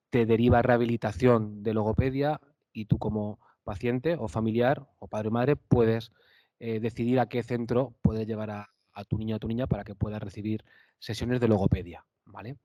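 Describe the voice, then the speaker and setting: A man's voice: lowish voice, a little mellow, no room sound. A man with a Spanish accent, a speech therapist answering questions on a panel, explaining with frequent fillers and tag questions.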